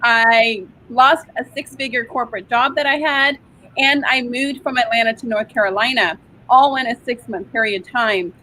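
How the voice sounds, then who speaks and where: A woman from San Diego, a guest in an interview, upbeat and quick to laugh. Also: fairly high pitch, sharp tone, a little hiss or hum, poor audio. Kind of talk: interview answers.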